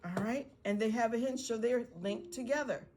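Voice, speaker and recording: A woman's voice on the high side, at a moderate pace, a little mellow, with a slight hiss or hum in the audio. She is a pre-K teacher in an instructional video, offering parents encouraging tips on reading and writing activities to do with their young children.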